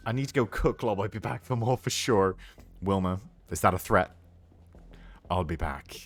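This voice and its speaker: A British man streams a war video game live, joking and chatting with viewers and reading their chat aloud as he plays. His voice is fairly low and a little fast.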